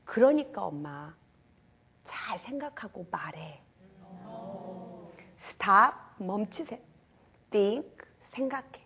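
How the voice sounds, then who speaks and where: Woman lecturer quoting a wise little boy, seven, soft-spoken and calm, mid-pitched. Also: slow pace, pauses often, slight background noise, heavily acted. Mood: calm advising. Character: bright seven-year-old boy, calmly wise.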